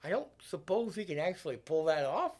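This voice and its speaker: A man's voice: a little high, big pitch swings, fairly quick, a little mellow. A man co-hosting a comedy show, reacting to a plot in an exasperated, mocking way. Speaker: co-host reacting to the script. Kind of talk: comedic banter.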